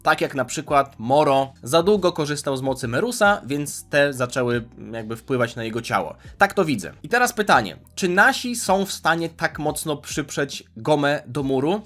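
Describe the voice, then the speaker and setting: A man's voice: on the high side, very animated, moderate pace, fairly bright tone, faint music behind. A man giving casual video commentary, chatty and analytical as he weighs fan theories aloud. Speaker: YouTube commentator on anime.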